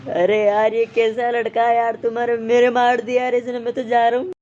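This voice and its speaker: A woman's voice: a little high, lively intonation, normal speed, muffled recording, natural voice. A woman voicing a fussy, easily offended male village schoolteacher who speaks primly and complains. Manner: prim, complaining.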